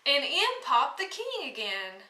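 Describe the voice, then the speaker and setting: A woman's voice: high-pitched, wildly swooping pitch, a little slow, sharp tone. A woman telling a fairy tale in a casual, folksy way, with restarts. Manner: folksy, with frequent fillers and restarts. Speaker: storyteller. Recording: echoey room, mic at a distance.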